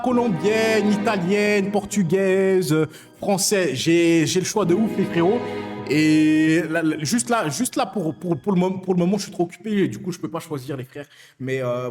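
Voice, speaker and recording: A man's voice: fairly high pitch, a little mellow. A young man streaming live, joking and teasing his chat in casual slang. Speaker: Twitch streamer reading chat.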